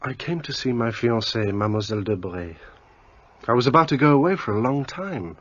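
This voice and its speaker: A man's voice: medium pitch, animated, brisk, fairly bright tone. A guarded defensive young man. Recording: dull lo-fi sound.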